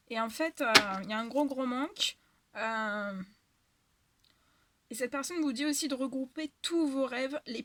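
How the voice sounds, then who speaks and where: A woman's voice: sits high, a bit bright, no echo. Hesitant woman giving a tarot reading. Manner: hesitant, many fillers and repetitions. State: tired voice after an hour of talking. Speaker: tarot reader. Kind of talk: casual spiritual guidance monologue.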